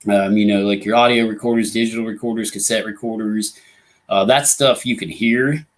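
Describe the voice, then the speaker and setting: On his casual live ghost hunting talk show, a Midwestern American host speaks fairly quickly, his low voice fairly even in intonation. He rambles with frequent "you know" fillers, just past an illness with his voice returning.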